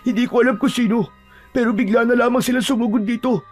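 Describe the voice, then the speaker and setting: A man doing a cocky young tribesman, high-voiced. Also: steady tone, fast, soft background music. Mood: urgent. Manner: bossy and scornful.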